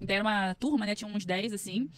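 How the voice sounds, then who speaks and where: A woman's voice: medium pitch, quick pace. A woman, a podcast guest telling her story frankly, with a mild stammer that now and then blocks a word. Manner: frank storyteller, reenacts her own past remarks. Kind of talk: casual interview chat. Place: podcast studio.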